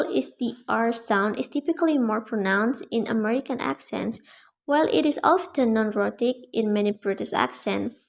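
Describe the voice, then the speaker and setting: A young woman with a fairly high voice reads her class presentation aloud. She is careful and measured, making small slips now and then. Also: vocal fry. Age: young adult. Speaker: student presenter. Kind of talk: reading a prepared presentation.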